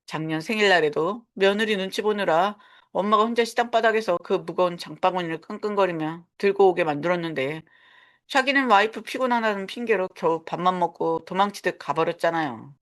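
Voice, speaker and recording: Calm woman in her sixties telling a story. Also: on the low side, fairly quick. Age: 60s. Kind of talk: first-person scripted story narration.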